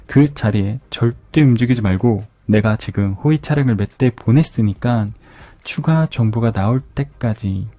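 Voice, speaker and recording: A man voicing a gruff middle-aged male police chief who barks orders in a retold story. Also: medium pitch, moderate pace, dark tone, lightly acted. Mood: commanding. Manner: barking orders.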